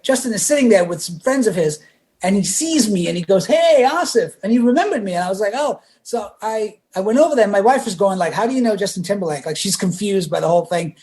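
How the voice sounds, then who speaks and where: A man chats as a guest on a podcast, telling stories in an animated way. He slips in and out of the voices of the people he quotes, with frequent "like" fillers. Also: sits high. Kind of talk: casual storytelling chat.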